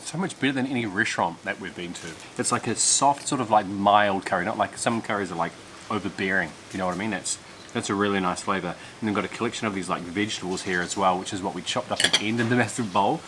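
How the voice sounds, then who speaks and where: A young man in casual vlog chat, relaxed and chatty, talking while tasting food. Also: on the low side, fast, noisy background. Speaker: travel vlogger.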